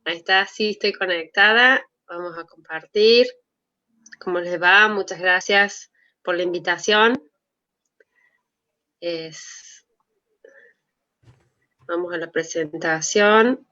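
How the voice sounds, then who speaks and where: A woman's voice: lowish voice, slow pace, pauses often, sharp tone. A woman with an Argentine accent giving an online medical lecture as a doctor, in a conversational way. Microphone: video call. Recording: dull video-call audio.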